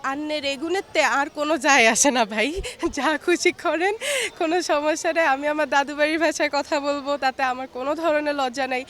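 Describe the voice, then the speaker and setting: A woman's voice: high voice, quick pace, fairly bright tone, a little hiss or hum. A woman talking confidently and at length in a casual street interview. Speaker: interviewee at a public event. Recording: outdoors with a busy crowd behind.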